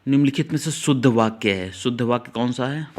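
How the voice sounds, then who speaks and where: A man of ordinary pitch runs an exam-prep grammar lesson, going through one question after another. He talks straight to his students and tells them to note things down. He slows right down to spell out key words. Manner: explains step by step, repeats key words slowly. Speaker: teacher.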